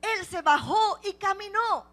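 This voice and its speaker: With a very high voice and an unhurried pace, a woman delivers an impassioned sermon, repeating rhetorical questions and moving between hushed stretches and loud exclamations.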